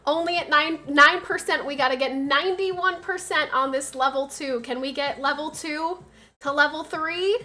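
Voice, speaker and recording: Over slight background noise, a young woman's high, pushed, bright voice moves at a normal pace. She's a streamer with a cold and stuffy sinuses, sounding nasal as she chats casually and rambles through stories full of fillers.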